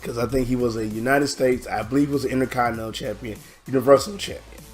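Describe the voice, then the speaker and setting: A channel host talks through a casual reaction video on his own channel, his voice hoarse and worn at an ordinary mid pitch. He rambles quickly in a steady tone, stalling on fillers and restarting sentences, with faint music underneath.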